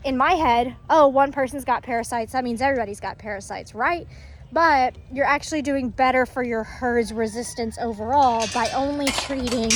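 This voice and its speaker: A woman's voice: a little high, noisy background. A woman farm vlogger explaining at length in a chatty, rambling way, recorded outdoors on a farm. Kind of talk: casual explanatory chat.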